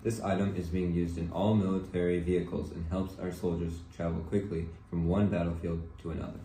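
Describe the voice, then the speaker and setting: A man's voice: low-pitched, little pitch movement, brisk, warm tone. A man playing an earnest 1940s news anchor, formally reading a scripted newscast. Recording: roomy echo with faint noise.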